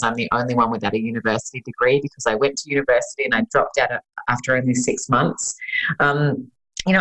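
An Australian woman in her forties, a guest entrepreneur and author, tells her story in an interview over a video call, speaking into a podcast mic set in front of her in a home room beside plant wallpaper. Her voice is bass-deep yet fairly bright in tone, and the recording is low quality. She's chatty, sprinkling in lots of "um" and "you know."

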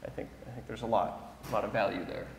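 A man's voice: on the low side, quick pace. Thoughtful man on a reverberant panel stage. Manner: thoughtful, hedging with "sort of" and "you know". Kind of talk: conference panel discussion. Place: large conference hall stage. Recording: echoey hall with faint room noise.

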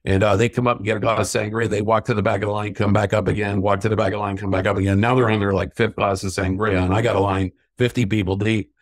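Dry, low-voiced chatty male storyteller. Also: flat delivery, fast talker, few pauses, no room sound. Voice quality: self-described stubborn Irishman. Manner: chatty anecdotal storyteller, acts out quoted voices. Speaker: sangria company owner. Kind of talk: casual interview storytelling.

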